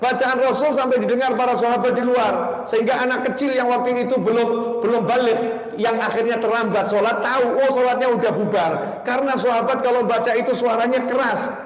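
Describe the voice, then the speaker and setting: Male preacher, high voice, sermon in a reverberant prayer hall; hushed prayer turning to raised urging. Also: fairly even intonation, fairly quick, few pauses. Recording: echoey hall.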